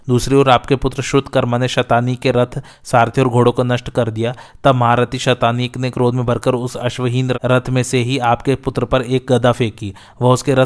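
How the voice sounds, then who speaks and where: A man narrating an ancient epic battle story in a steady, measured reading. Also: mid-range voice, smooth.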